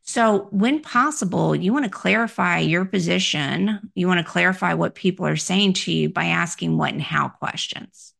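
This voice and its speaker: A woman giving instructional advice on handling difficult requests, in a measured, explanatory way that poses questions to the listener. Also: on the low side, gravelly, a bit bright. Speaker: workplace communication coach. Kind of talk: instructional talk.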